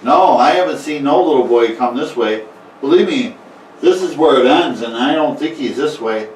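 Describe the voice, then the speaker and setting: A man's voice: medium pitch, lively intonation, normal speed, a little mellow, a little hiss or hum, lightly acted. A man voicing a blunt, folksy male stranger met in a cave, in a tabletop game session recorded in an echoey room with the mic far off.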